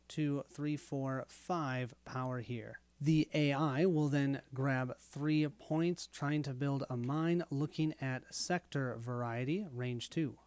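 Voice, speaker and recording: A man with a hoarse, tired late-night voice hosting a casual walkthrough of a tabletop game. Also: mid-range voice, a little mellow, no echo. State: hoarse, lost his voice. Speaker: host of a board game playthrough.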